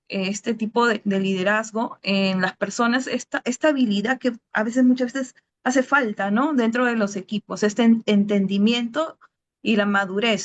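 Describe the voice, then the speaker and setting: A woman's voice: medium pitch, a little hiss or hum. A woman interviewer who asks long, winding questions and tags her sentences with '¿no?'. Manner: rambling, winding questions tagged with '¿no?'. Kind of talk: asking a long question in a conversation. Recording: slightly dull, lo-fi audio.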